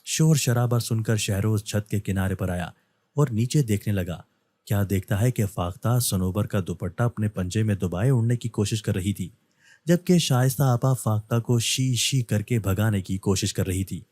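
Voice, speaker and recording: A man narrating a scripted story in a low, mellow voice. His reading is steady and measured, and the recording is dry and close. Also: no echo.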